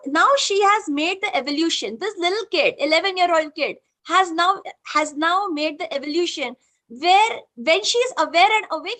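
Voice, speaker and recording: A woman with an Indian accent who leads a group session and tells a participant's story animatedly, mixing English and Hindi, over a video call. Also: extremely high pitch. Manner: animated, mixes English and Hindi, many "you know" fillers. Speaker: spiritual session facilitator.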